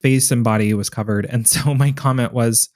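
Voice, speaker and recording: A man co-hosting a podcast in casual chat, enthusiastic and a bit rambling. His voice sits at a middling pitch, recorded close and dry. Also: steady tone, moderate pace, a little mellow, dry recording. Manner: enthusiastic, rambling, self-deprecating. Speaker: podcast co-host.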